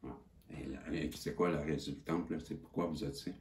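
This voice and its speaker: Very deep-voiced Québécois man storytelling. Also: a little fast. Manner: animated, indignant, swears freely. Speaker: channel host. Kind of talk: casual storytelling to viewers. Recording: echoey room with faint noise.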